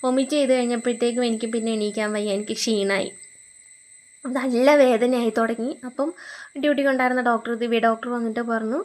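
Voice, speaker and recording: A young woman, telling her own story in a relaxed, conversational way. She pauses on fillers and starts over now and then, and her voice sits a touch higher than most women's. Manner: conversational, frequent fillers and restarts. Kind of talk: casual personal storytelling.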